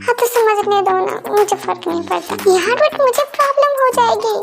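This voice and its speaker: A woman's voice: very high voice, moderate pace, gravelly, over loud music. A woman doing a tearful grieving young woman. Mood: clingy. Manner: shaky, hesitant, plaintive.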